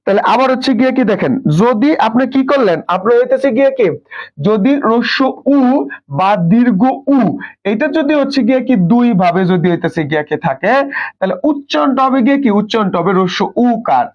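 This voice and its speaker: A man teaching an exam prep lesson, asking questions and answering them himself and drilling pronunciation slowly. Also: extremely high pitch, animated, dull audio.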